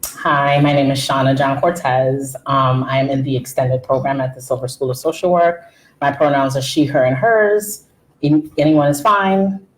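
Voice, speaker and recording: A chatty woman from Queens tells her story on a student panel in an animated way. Her voice is very low for a woman, and the room gives it a noticeable echo. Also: moderate pace. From Queens, New York. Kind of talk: answering panel questions. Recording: echoey room.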